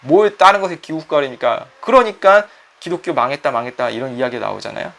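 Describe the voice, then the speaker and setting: A man's voice: medium pitch, animated, quick pace, vocal fry, a bit bright. A middle-aged man, a pastor, giving a conversational sermon that acts out quoted voices and puts questions to the listeners.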